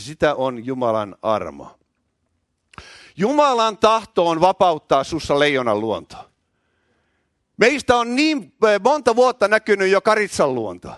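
A middle-aged man preaching a loud, excited charismatic sermon in a church, often shouting and repeating words when worked up. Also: sits high, no echo, studio quality.

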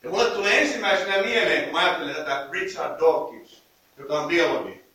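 A man's voice: a little high, pushed and bright. A man preaching a sermon, reading scripture aloud and then explaining it in his own words, with fillers and restarts. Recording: echoey room heard from a distance.

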